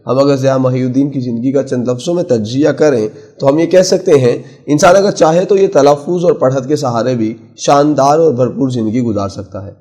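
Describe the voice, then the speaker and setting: Guy reading out a newspaper column, steady emphatic delivery, middle-pitched voice. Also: hardly any pauses. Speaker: column reader. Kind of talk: scripted column narration.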